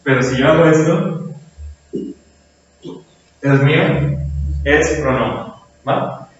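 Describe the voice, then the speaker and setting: A man's voice: a little high, slow. A man with a Mexican accent teaching a grammar lesson to a class, often checking with "right?" tag questions. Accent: Mexican Spanish. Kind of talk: classroom lecture, also filmed for viewers at home. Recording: very echoey room, far from the mic, dull sound.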